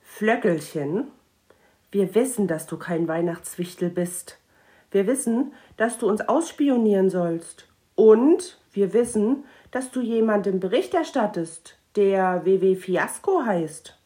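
A woman's voice: fairly high pitch, sing-song, a little slow, voice pushed up. A woman voicing a brave, bossy young girl who talks in a firm, determined way. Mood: stern. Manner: firm and determined, then soft.

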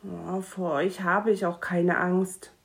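A woman's voice: fairly low pitch, level tone, slow pace, gravelly. A woman voicing a small, timid male Christmas imp who speaks in an anxious, whimpering way.

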